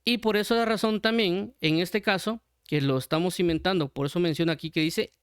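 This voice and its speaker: A Guatemalan man with a Guatemalan Spanish accent gives a sermon, explaining his points patiently and circling back to repeat them. His voice is smooth and resonant, sitting a little high for a man. The recording is dry and close, with no room sound. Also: steady tone, fairly quick, dry recording. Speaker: Bible teacher.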